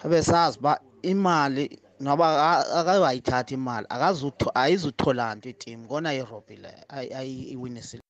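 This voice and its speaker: A man's voice: mid-range voice, fairly quick, few pauses, no room sound. A South African man calling in to a sports show with casual, firm opinions.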